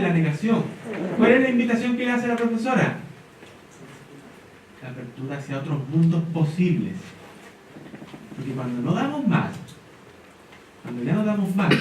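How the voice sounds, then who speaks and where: A middle-aged man telling a story to an audience and acting out the quoted lines. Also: on the high side. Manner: animated storyteller, acts out quotes. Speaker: speaker at an education panel. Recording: echoey hall from far off, faint noise.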